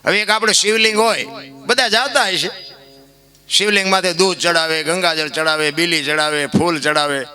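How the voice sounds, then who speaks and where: A man giving a devotional folk sermon in a rousing way, swelling now and then into high impassioned cries. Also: steady tone, normal speed, sharp tone. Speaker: folk preacher.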